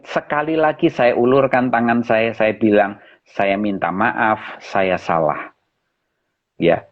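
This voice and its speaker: A man, a pastor, telling a personal story in an animated way during a live interview. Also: medium pitch. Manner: animated storyteller, addresses listeners as brothers and sisters. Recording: dull lo-fi live-stream audio.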